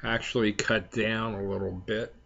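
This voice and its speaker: Male vlog host, low-pitched and creaky, unhurried rambling delivery with hesitant pauses, slightly muffled sound. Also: level tone, a bit bright. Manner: halting, hesitant, long pauses. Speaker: host of a pipe smoking chat vlog. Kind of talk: casual rambling chat to viewers.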